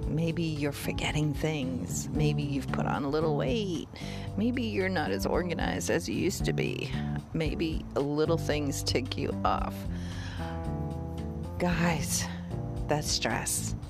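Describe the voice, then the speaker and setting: A woman's voice: deep voice, expressive, takes it slowly, over loud music. A woman hosting a motivational podcast, speaking directly and conversationally to her listeners. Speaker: podcast host.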